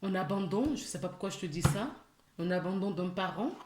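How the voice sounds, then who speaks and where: A woman giving a spiritual guidance reading, speaking straight to the listener with many gentle questions and "d'accord?" check-ins. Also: mid-range voice, lively intonation, echoey room, noisy background. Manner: slow, questioning, addresses listener directly. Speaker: spiritual channeler.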